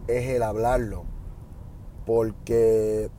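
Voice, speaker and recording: A high school Spanish teacher with a Puerto Rican Spanish accent offers casual advice on his podcast. He's relaxed, often adding "¿verdad?" and pausing with "eh", and there's a little hiss or hum in the audio.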